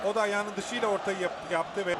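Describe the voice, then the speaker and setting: Male football commentator, high voice, live match style, very noisy recording. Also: fairly even intonation, a little fast. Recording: very noisy stadium match broadcast.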